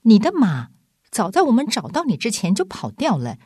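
A woman puts on a wise old talking bear from a storybook, gentle and kindly in his soft-spoken way. He is voiced a little higher than the reader's own voice, and the recording is close and dry. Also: huge pitch swings, normal speed, breathy edge, no echo, full character voice. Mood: calm.

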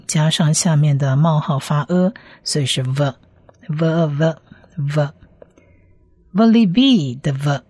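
A woman's voice: deep voice, darkish tone, dry recording, clean studio sound. A woman teaching a lesson step by step, patiently repeating each sound several times. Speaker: language teacher.

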